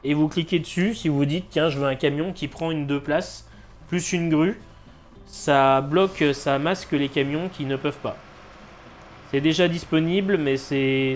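A man giving casual live commentary as he streams a game, with noncommittal, shrugging asides. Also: fairly high pitch. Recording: clear background noise, game ambience.

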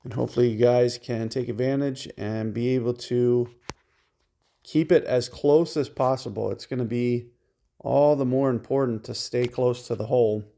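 A man narrates his mobile golf game in a steady, methodical way, breaking down each shot's numbers for his viewers. His voice is gravelly and mellow, sitting at an ordinary middle pitch. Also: normal speed. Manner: calm, methodical explaining of shot calculations. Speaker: game guide creator. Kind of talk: mobile game walkthrough commentary.

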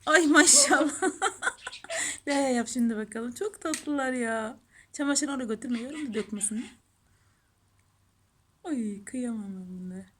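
A woman's voice: a little high, slight background noise. A woman filming her cats at home, cooing over them and chatting casually to her viewers. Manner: doting, gushing baby talk to her cats. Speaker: pet channel host. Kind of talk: casual home pet vlog.

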